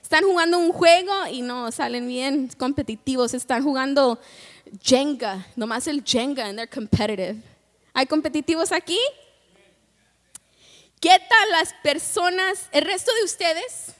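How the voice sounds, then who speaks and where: A woman with a high voice preaches to a congregation, moving between Spanish and English and often putting questions to her listeners. She acts out scenes with dramatic quoted lines. The recording carries the long reverb of a church sanctuary. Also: measured pace. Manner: asks the congregation frequent questions. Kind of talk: bilingual sermon.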